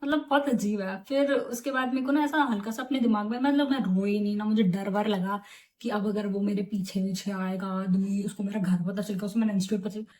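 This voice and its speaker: Young woman vlogger, chatty storytime, animated retelling, mid-pitched. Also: brisk. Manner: animated, chatty retelling with English words mixed in. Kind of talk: casual storytime vlog.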